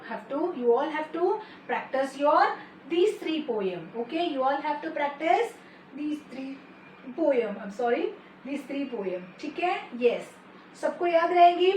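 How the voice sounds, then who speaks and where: A woman with an Indian English accent teaching a nursery poem, slow and sing-song, mixing Hindi and English. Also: sits high. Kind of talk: online nursery-class lesson. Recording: echoey room, voice off-mic, faint hiss.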